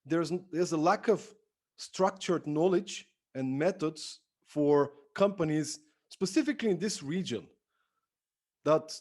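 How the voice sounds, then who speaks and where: A man from Bulgaria, guesting on a podcast as an entrepreneur and productivity speaker, sounds somewhat high and a bit slow, with a darkish tone. His conversational replies come with enthusiasm and emphatic phrasing.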